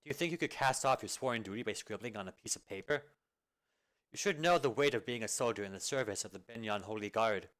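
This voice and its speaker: A man voicing a strict female deputy commander who speaks with slow, clipped, menacing calm. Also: fairly low pitch, lightly acted. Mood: stern. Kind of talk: amateur video game fan dub.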